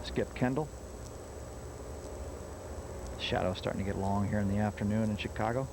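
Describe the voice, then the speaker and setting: A man's voice: on the low side, little pitch movement, quick pace, gravelly. A man working as a golf commentator, calling live tournament play over outdoor noise. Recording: noisy outdoor broadcast.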